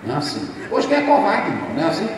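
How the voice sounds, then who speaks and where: A man's voice: sits high, racing, crowd noise. A man with a Brazilian accent preaching a sermon as pastor, telling stories and acting out the dialogue in the voices of different people. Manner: animated storyteller, acts out dialogues. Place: church hall. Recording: echoey hall from far off.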